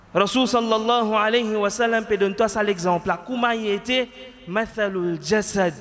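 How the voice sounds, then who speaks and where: A man's voice: high-pitched, a bit bright, in a large hall. A man in his thirties with a Mauritian Creole accent, preaching a Friday sermon in a mosque at a stand mic. He asks rhetorical questions with passion and shifts into Arabic recitation. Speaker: imam. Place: mosque prayer hall, indoors. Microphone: stand mic close to mouth.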